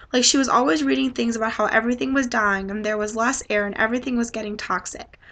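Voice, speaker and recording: A woman reading a passage from a novel aloud, then sharing her thoughts on it, in a plain, unhurried conversational tone. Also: a little high, fairly bright tone. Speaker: student reader.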